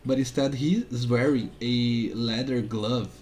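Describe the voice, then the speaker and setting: A man working as game master, improvising narration in a halting manner and often repeating words. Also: medium pitch.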